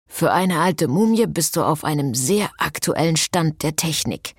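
A woman's voice: low voice, lively intonation, a little slow, breathy edge, dry recording, studio quality, full character voice. A woman voicing an exhausted, sarcastic young male former priest in an audiobook. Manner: sarcastic, strained.

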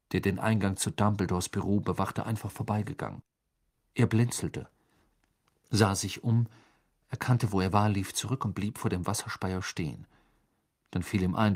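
Casting: male audiobook narrator, mid pitch, slightly husky, dry booth sound. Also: no room sound. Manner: expressive storytelling, voices the figures. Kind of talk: scripted narration.

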